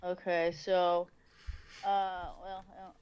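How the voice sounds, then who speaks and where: A woman's voice: fairly low pitch, little pitch movement, slow, darkish tone, dull audio, slight background noise. A woman playing a tabletop game, casually working out her attacks and dice totals.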